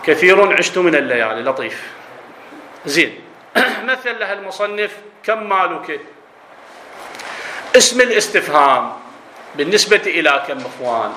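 A man with an Iraqi Arabic accent teaches a classroom lesson on Arabic grammar, explaining points, quizzing students and slipping into dialect. His voice is high and sharp, and the poor, reverberant recording has a little hiss or hum.

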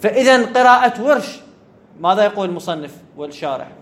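A man's voice: sits high, expressive, quick pace, a bit bright. A man giving a classroom grammar lecture, often checking whether his students follow and repeating the key words. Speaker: teacher of Arabic grammar.

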